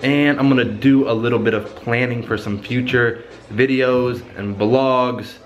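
Recorded on a camera mic in his small home kitchen, a twentysomething fitness vlogger explains his cooking in plain, casual steps while congested from a cold. He speaks at a measured pace with a steady tone and medium pitch. The audio sounds dull, with faint music in the background of this how-to vlog.

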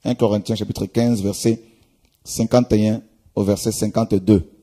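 A man preaching a sermon, reading scripture aloud and exhorting his listeners, often repeating "my friends" and pausing with hesitations. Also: fairly low pitch, steady tone, dark tone, breathy edge. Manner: exhorting, repeats "mes amis", many hesitations.

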